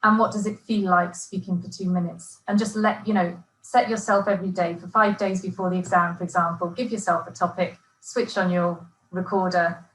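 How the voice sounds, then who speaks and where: A woman presenting an exam-preparation webinar as a teacher trainer, chatty and encouraging, often pausing with fillers and restarting her sentences. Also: lowish voice, steady tone, a bit bright. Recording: echoey room.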